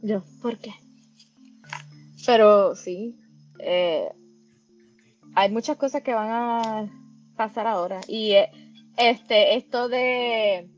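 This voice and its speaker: A woman co-hosting a casual anime chat, animated and careful about spoilers. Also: fairly high pitch, slow pace, long pauses, highs cut off, soft background music. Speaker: podcast co-host.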